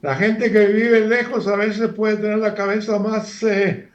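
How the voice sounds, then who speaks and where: An older Argentine man, formerly a professor, speaks as a guest analyst in a lecture-like interview, halting and full of fillers and restarts. His voice sits high with a steady tone, and the muffled recording comes from an echoey room.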